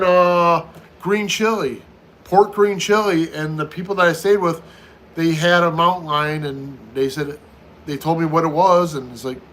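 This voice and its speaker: Chatty American man in his fifties, slightly high voice. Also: fairly bright tone, rough recording. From United States. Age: 50s. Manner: chatty, repeats himself, answers viewer questions one by one. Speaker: livestream host. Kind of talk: casual live-stream chat.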